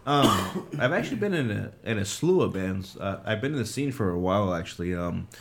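A man's voice: fairly low pitch, animated, brisk, creaky. A man in his late twenties, a band's drummer, chatting casually in an interview and rambling with lots of fillers and restarts. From Southern California. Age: late 20s. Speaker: drummer in a band.

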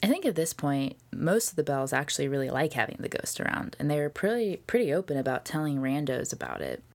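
A woman hosting a podcast, telling a history story in a casual, jokey way with swearing and quick whispered asides. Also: sits low, very animated, a little mellow. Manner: chatty with frequent fillers and whispered asides. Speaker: podcast host.

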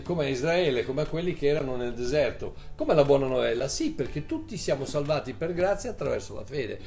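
A man preaching a sermon in an animated way, repeating phrases and rising into emphatic bursts. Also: fairly high pitch.

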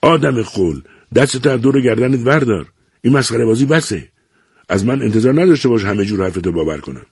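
A man's voice: lowish voice, lively intonation, mellow, slightly rough, dry recording, clean studio sound, voice pushed up. A man reading a novel aloud, voicing an elderly doctor who curtly and impatiently scolds his grown son. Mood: angry scolding. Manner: curt, commanding, exasperated.

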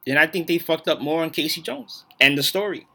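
A man's voice: on the high side, a little fast, bright, forceful tone, husky. A man hosting his own podcast, talking alone in a blunt, profane, opinionated rant. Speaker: podcast host.

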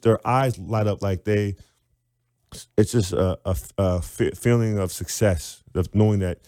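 In a clean, dry studio recording, a man with a lowish voice talks about his approach to teaching reading. He's an author and reading teacher, and during the interview he animatedly demonstrates syllable sounds aloud.

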